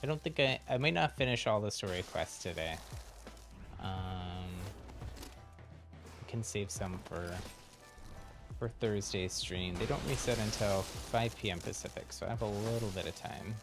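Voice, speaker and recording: While streaming a game, a man with a lowish voice chats casually with viewers in a friendly, welcoming way, giving live commentary. He talks at normal speed with long pauses, and game music plays behind him.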